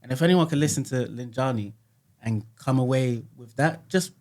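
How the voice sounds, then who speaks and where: Speaking at a normal pace in a mid-range voice, this male music artist is a guest on a casual podcast recorded in a studio, with a crowd audible behind him. He sounds earnest and thoughtful and tends to repeat words as his ideas form.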